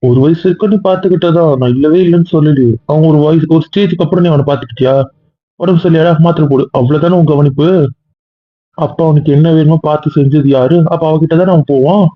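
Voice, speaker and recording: A man's voice: mid-range voice, level tone, fast, breathy edge, no echo, lightly acted. An actor playing a stern young man who lectures his family in a comedy-drama skit. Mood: stern lecturing. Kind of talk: casual web-series acting. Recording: tinny phone-like dry sound.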